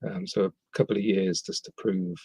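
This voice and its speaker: In a casual podcast interview, a middle-aged guest from the West Midlands of England, English rather than Scottish, talks fairly quickly but hesitantly, with frequent ums and restarts. His voice is low and level, darkish with a breathy edge, recorded dry.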